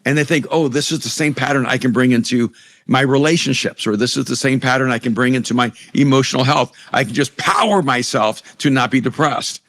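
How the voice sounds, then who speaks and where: A middle-aged man from El Salvador, a native Spanish speaker who is an author and pastor, talks earnestly as a guest in a conversational interview. His voice is medium-pitched, fairly quick and a bit bright, and he often restarts sentences and repeats words.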